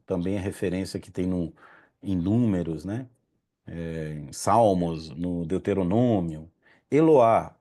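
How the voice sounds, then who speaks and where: The deep, mellow voice here is that of a Brazilian man running an informal religious study group. Self-corrections are common, and he owns up to struggling with the pronunciation of Hebrew names.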